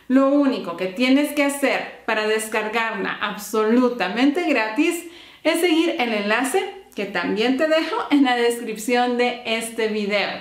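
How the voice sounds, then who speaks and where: A woman teaching English phrases in a bilingual lesson, modeling each line clearly for the listener to repeat. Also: on the high side, roomy sound.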